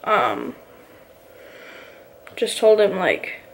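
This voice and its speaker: A woman's voice: mid-range voice, very animated, drawn-out words, vocal fry, a little hiss or hum. A woman vlogger casually telling a personal story, rambling and filling her talk with "you know" and "like".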